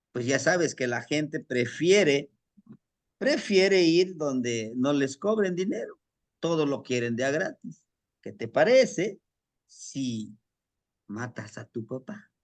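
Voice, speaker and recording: A man's voice: fairly high pitch, big pitch swings, slow pace, no echo. A man doing sly scheming older healers. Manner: coaxing, persuasive.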